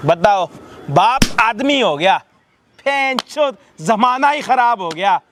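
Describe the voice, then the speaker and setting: Loud scolding man, high voice. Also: animated, slow, background noise. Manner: loud, scolding, repeats words, swears. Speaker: prank video host. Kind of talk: staged confrontation, scolding.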